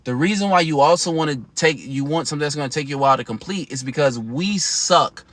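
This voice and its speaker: A man in his thirties talks straight to his livestream viewers in a loose, slangy, emphatic way. His voice sits a little high and has a bright edge. The sound is dry and close, with no room around it. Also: quick pace, no echo. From United States. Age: 30s. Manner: slangy, emphatic, chatty with laughs. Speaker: livestream host. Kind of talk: casual livestream talk to viewers.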